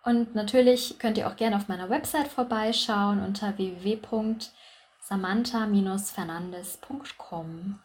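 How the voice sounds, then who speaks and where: A woman who coaches pronunciation, a guest on a podcast, explaining her methods clearly and methodically, step by step. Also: medium pitch, a little slow, darkish tone. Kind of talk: explanatory interview answers.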